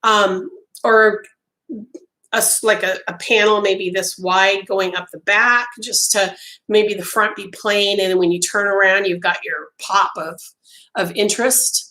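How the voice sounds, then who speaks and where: This livestream host, a middle-aged woman whose voice is going, chats with viewers from a small home craft room via webcam, with many ums, restarts, and hand gestures. Her mid-range voice is steady, a little slow, pushed and bright, and the audio is poor.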